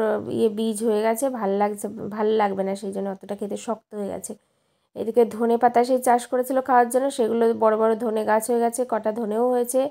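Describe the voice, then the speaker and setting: Young woman, a chatty vlogger who rambles and corrects herself, with a mellow, gravelly voice. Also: fairly high pitch. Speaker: vlogger and schoolteacher. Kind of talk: casual vlog narration.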